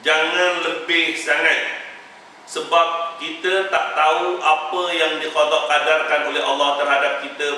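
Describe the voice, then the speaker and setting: Bright-voiced Malaysian man teaching in an echoey hall. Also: fairly high pitch, a little hiss or hum. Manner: lively, teasing, mimics chants and prayers. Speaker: religious teacher. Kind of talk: Quran tafsir class lecture. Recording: very echoey room, mic far off.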